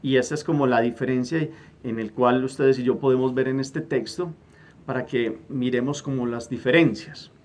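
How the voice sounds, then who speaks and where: A man's voice: medium pitch, fairly even intonation, moderate pace. A middle-aged man preaching a gospel homily as a priest, emphatic and repeating words as he searches for phrasing. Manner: acts out quoted prayers with a raised, louder voice.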